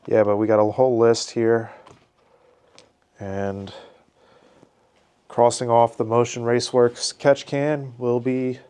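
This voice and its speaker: A man of medium pitch and darkish tone, congested from a head cold, documents his car build on camera. Speaking casually in his crowded garage shop, he explains the how-to as he thinks, often backing up to restart.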